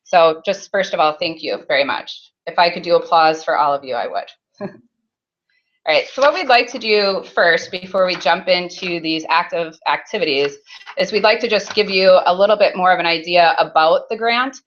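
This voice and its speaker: Hosting a conference session in a meeting room, a woman with a lowish, expressive voice opens the workshop at normal speed, casual and chatty with many ums. Her faulty handheld mic gives dull audio with slight hiss or hum.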